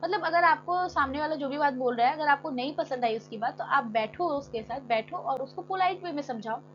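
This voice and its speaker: A woman teacher giving a classroom lecture. She reads textbook lines slowly in English, then explains them in casual Hindi. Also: high-pitched, fairly bright tone, dull audio, slight background noise.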